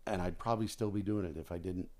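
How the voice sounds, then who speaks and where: With a low, darkish voice and a quick pace, a retired air traffic controller from the US, now in his sixties, spins casual stories on a podcast. He often repeats phrases for emphasis.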